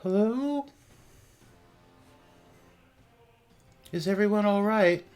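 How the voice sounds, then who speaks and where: A man voicing a gentle, friendly female ghost in a tabletop game, with an unearthly, hesitant way of speaking. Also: sits high, expressive, normal speed, pitched above the performer's own voice. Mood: concerned, inviting. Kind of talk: tabletop game role-play.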